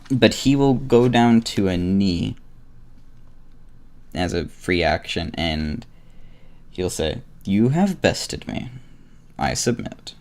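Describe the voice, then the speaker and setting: A man narrating as game master of a tabletop game, unhurried and full of fillers. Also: on the low side, darkish tone.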